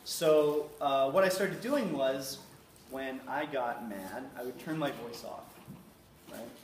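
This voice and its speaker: Guest speaker, male, mid-pitched, chatty and rambling, roomy classroom sound from far off. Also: slow pace, noisy background. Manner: chatty, rambling, many fillers. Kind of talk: casual talk to a class.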